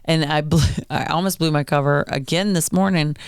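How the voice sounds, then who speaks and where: Lively laughing woman podcaster, smooth creak. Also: deep voice, normal speed, no room sound, studio quality. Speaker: podcast co-host. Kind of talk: casual podcast chat.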